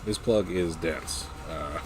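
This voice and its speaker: A man giving a casual, unscripted product review in a halting, matter-of-fact way. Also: very deep voice, noisy background. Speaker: pipe tobacco reviewer.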